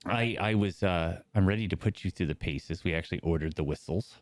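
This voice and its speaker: A man's voice: sits low, brisk, no echo. A man with a slight lisp co-hosting a casual chat show, rambling and joking. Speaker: co-host.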